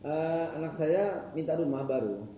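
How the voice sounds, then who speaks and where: A middle-aged preacher, chatty and joking, slipping Arabic phrases into his talk. He is heard from far off across a big hall that rings with echo. Steady background noise sits under the voice. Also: on the high side, unhurried. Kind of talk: weekly religious lecture. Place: large echoing study hall. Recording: echoey hall from far off, noisy.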